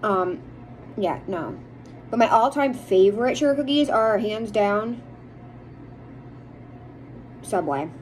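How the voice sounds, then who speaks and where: A woman's voice: mid-range voice, expressive, slow, long pauses, slight background noise, low-quality recording. An American woman chatting casually to viewers in a rambling, opinionated way, as a vlogger does. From United States. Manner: rambling, chatty, emphatic about likes and dislikes. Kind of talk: casual chit-chat to viewers.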